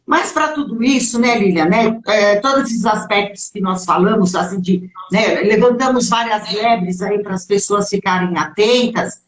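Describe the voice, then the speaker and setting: A woman's voice: mid-range voice, measured pace, few pauses. A woman hosting a channel interview on a video call, speaking hesitantly with fillers and tag questions. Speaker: channel host. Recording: echoey room on a video call.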